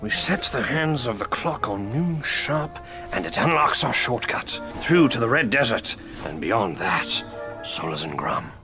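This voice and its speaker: An actor playing an eccentric, madcap hatter in a video game, theatrical and erratic, moving between hush and exclamation. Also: male voice, medium pitch, sing-song, unhurried, music in the background. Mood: grand, mysterious. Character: eccentric madcap Hatter, whimsical, excitable lunatic. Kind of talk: video game cutscene acting.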